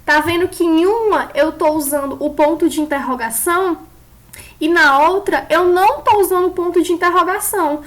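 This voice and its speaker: A woman's voice: very high-pitched, moderate pace. A woman teaching an online class, explaining step by step and putting questions to her pupils.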